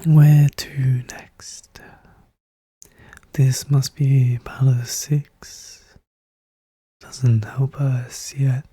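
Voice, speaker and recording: A hushed, soft-spoken, breathy voice, often whispering, calmly and methodically thinking aloud in an ASMR puzzle walkthrough. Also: medium pitch, very slow, pauses often, no echo. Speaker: puzzle solver narrating own play.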